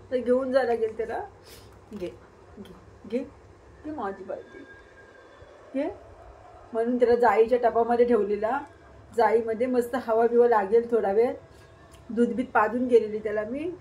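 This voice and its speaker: A woman from Maharashtra vlogging casually to her viewers and her small daughter, tearful and cooing in soft sing-song baby talk. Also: fairly high pitch, a little hiss or hum, poor audio. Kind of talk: casual vlog talking to viewers and her child.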